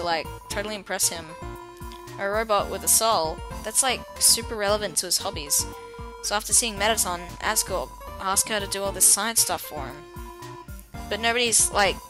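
A woman's voice: medium pitch, natural voice. A woman voicing a bubbly, ditzy teenage monster girl who gossips with constant "like" fillers. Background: game music.

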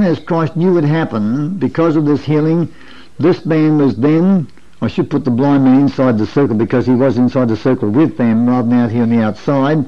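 An older man in his sixties gives an earnest sermon-style Bible lesson in a fairly high voice, explaining each point and asking his listeners rhetorical questions. The sound is dull and lo-fi, as on an old 1980s video recording. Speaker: preacher teaching a Bible study. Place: wood-panelled meeting room.

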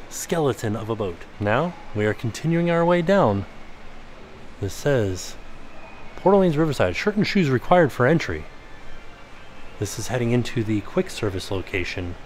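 A vlogger touring a resort films on a handheld camera, offering chatty, curious commentary and thinking aloud. His voice is mid-range with slight background noise, and he moves from an indoor restaurant hall to the outdoor resort grounds.

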